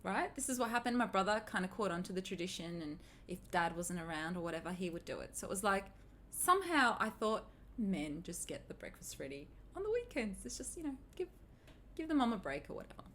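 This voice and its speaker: A woman's voice: medium pitch, big pitch swings, brisk, fairly bright tone, slight background noise. A woman co-hosting a podcast, telling a personal story in a candid, wry tone during casual chat. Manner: candid, wry, laughs a lot. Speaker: podcast co-host.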